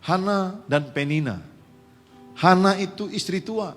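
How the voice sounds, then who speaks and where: In a church sanctuary with long hall reverb and faint music in the background, a male pastor delivers a conversational sermon. He speaks directly to the congregation and asks them rhetorical questions, his high voice a little slow and fairly bright.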